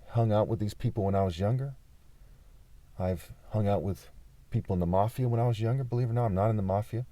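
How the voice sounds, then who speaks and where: Man, from California, vlogger, assertive monologue, very dark mellow tone, low voice. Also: dry recording. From California, USA. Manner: assertive, insistent, pauses often with fillers. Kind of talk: unscripted monologue to camera.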